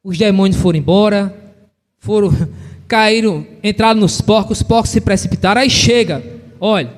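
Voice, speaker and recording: High-voiced fervent Brazilian preacher. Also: male voice, moderate pace. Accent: Brazilian Portuguese. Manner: fervent, rising to shouts, tells stories, laughs often. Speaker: church assistant preaching. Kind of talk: evangelical sermon. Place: church hall. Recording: long church-hall reverb.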